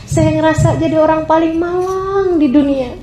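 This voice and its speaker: A woman voicing a remorseful young woman who confesses her partying days in a low, subdued tone. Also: normal speed, dark tone, reverberant, slight background noise, close to an everyday voice. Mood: sorrowful.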